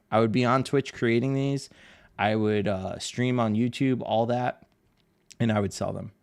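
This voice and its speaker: Gravelly low-voiced male art streamer. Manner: laid-back, rambling, reads chat aloud and answers viewers. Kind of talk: casual live-stream chat while drawing.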